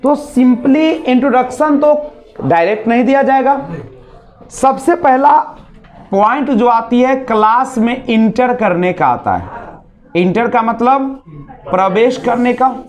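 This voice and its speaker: Slow, high-voiced man teaching. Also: expressive. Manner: explains slowly, repeats words for pronunciation drills. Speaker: spoken English teacher. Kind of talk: classroom lesson in Hindi and English.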